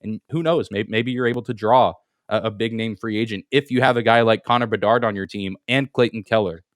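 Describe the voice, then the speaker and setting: A man's voice: on the low side, steady tone, fairly quick, no echo, clean studio sound. A man co-hosting a sports podcast in casual chat, often repeating his first words as he thinks aloud. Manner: repeats words at the start of phrases, hedging. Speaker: podcast co-host.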